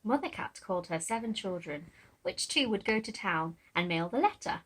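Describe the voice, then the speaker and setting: A woman narrating a children's picture book aloud, gently pointing young listeners to the pictures. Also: mid-range voice, expressive, normal speed, breathy edge, rough recording. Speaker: storybook narrator.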